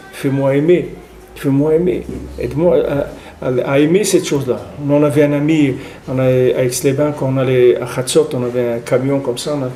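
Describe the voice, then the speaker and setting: A man giving an informal religious lesson, telling stories with lively restarts and Hebrew terms. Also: medium pitch. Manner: animated storytelling, many restarts and Hebrew terms. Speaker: rabbi giving a Torah class. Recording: echoey room with faint noise.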